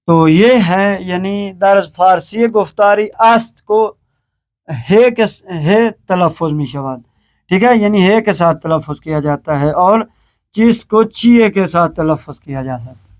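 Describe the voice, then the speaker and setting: A man teaching a Persian lesson, going slowly and repeating words so they can be said back. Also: sits high. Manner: slow, repeats words for pronunciation practice. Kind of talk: recorded language lesson.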